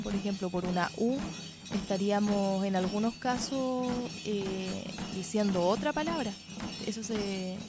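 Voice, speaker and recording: A woman co-hosting a radio lesson, adding a clear, measured explanation. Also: mid-range voice. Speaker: radio co-host. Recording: loud music underneath.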